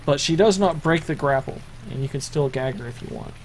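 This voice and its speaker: A man running a tabletop role-playing game as game master, narrating the action in a halting way with many fillers and restarts. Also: a little high, a little hiss or hum.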